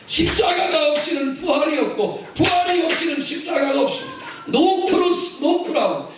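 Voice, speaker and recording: A man preaching a lively sermon, leading the congregation in call-and-response and shouting for emphasis. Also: very high-pitched, normal speed. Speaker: pastor. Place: large church hall. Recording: echoey hall, mic from a distance, noisy.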